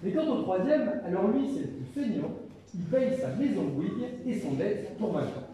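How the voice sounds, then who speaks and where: A male storyteller with a high but mellow voice tells a tale in a chatty, joking way. He sounds far from the mic in a very echoey hall with faint ambience. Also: big pitch swings, moderate pace, a little hiss or hum. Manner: chatty, joking asides to the audience. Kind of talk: live oral storytelling.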